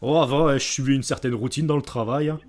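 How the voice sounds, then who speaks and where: A man's voice: medium pitch, fairly even intonation, fast, a little mellow, close to an everyday voice. A man voicing a chatty, good-natured ghostly male bear postman with a put-on mix of Belgian and northern French accents, rambling like a folksy storyteller. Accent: mixed Belgian and northern French put-on. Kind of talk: improvised game character voice.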